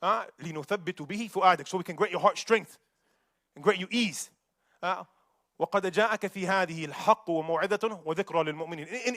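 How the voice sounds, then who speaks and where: A man giving a Friday sermon, animated and quick, mixing Arabic recitation with casual street talk. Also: high-pitched, no echo, studio quality. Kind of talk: khutbah sermon. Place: mosque.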